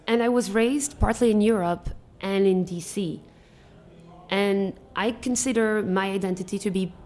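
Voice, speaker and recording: Algerian-accented woman, measured and reflective. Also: mid-range voice, a little mellow. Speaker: podcast co-host. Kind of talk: casual radio chat. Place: hotel broadcast studio.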